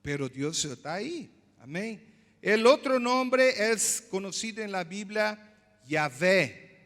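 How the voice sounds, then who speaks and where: High-voiced pastor preaching slowly in a hall. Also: male voice, animated, a bit bright. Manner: explains slowly, repeats words, asks the congregation questions. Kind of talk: sermon. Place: church.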